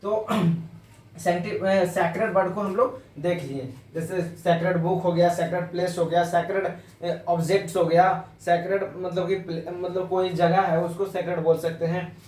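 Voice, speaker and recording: A man's voice: sits high, fairly even intonation, normal speed, darkish tone. A man teaching English vocabulary, explaining in Hindi, repeating words and spelling them out letter by letter. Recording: roomy echo, voice a bit far from mic.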